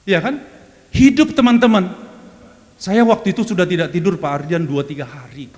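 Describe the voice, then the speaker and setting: A man preaching a testimony sermon, telling his story in an animated way with repeated phrases and frequent laughs. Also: high-pitched, normal speed. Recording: long hall reverb.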